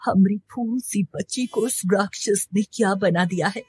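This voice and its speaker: A woman's voice: mid-range voice, a little slow, darkish tone, slight background noise, lightly acted. A woman voicing a grieving middle-aged mother who calls out tearfully. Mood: desperate. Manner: calling out, tearful.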